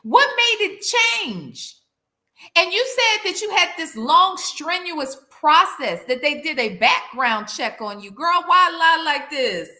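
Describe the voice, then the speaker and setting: A woman's voice: high voice, sing-song, takes it slowly, pushed and bright. A woman delivering a smug, sarcastic exposé to a live chat as host, mocking and incredulous, repeating phrases for emphasis. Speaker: YouTube content creator, host. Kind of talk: call-out commentary to a live chat.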